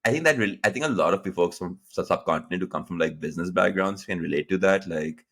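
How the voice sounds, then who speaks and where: Low, husky-voiced man telling his story. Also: fast talker. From Pakistan. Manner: animated, acts out quoted dialogue with jumps in pitch. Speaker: guest entrepreneur. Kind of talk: conversational interview storytelling.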